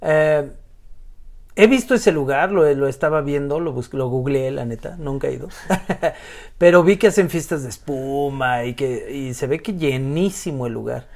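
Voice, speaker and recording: A woman hosting a podcast, interviewing in a relaxed, slangy, encouraging way. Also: rumbling low, moderate pace. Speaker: podcast host. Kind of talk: casual interview chat.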